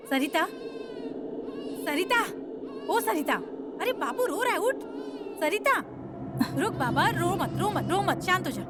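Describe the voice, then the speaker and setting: A gentle girl coaxing a baby. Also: very high-pitched, lively intonation, unhurried, long pauses, heavy background noise. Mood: soothing. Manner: soft, coaxing, singsong baby talk. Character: gentle young woman soothing a crying baby. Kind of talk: TV serial acting.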